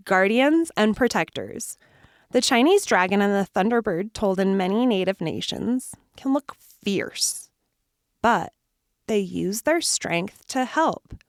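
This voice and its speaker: A woman tells a children's campfire story in a slow, soothing voice, dropping to whispers and leading call-and-response. Her voice sits at a middle pitch. The recording is dry and close. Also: no room sound.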